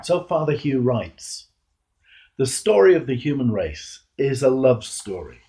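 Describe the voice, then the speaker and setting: An older British clergyman reads a homily aloud, measured and earnest, with deliberate pauses and emphasis. His medium-pitched voice is warm and swings widely in pitch.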